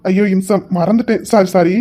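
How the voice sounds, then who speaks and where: A woman doing a teasing young husband, low and dark. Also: fairly quick, close to an everyday voice. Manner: playful, evasive, teasing. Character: teasing young husband Varma, man in his twenties.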